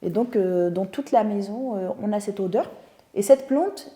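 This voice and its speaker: A woman's voice: medium pitch, moderate pace, dark tone. A woman, a guest telling her story in a casual interview, thoughtful and searching for words. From Tunisia. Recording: roomy echo.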